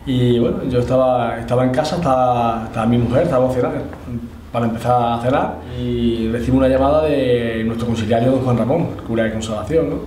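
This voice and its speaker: Speaking fast in a dark, medium-pitched voice, a middle-aged Andalusian man tells his story in a casual interview, often tacking on tag questions. He is a Holy Week proclamation orator, recorded indoors in a room with display cabinets, with echo, slight distance and faint noise.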